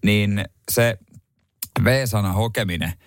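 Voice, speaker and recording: A man co-hosting a morning radio show, chatting casually with quick reactions and self-mocking humor. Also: on the low side, smooth, no echo, clean studio sound, soft background music. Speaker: radio host. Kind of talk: casual on-air chat. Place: radio studio. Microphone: studio microphone.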